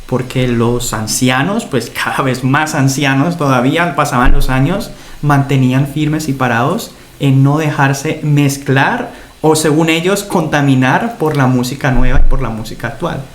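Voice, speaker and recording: A young man from Spain sits as a guest on a podcast. He speaks at a middle pitch and tells long personal stories in a thoughtful, unhurried way. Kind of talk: casual chat. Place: Germany.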